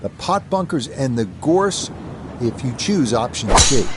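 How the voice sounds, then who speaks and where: A man giving measured, understated play-by-play as a golf commentator. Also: mid-range voice, animated, heavy background noise.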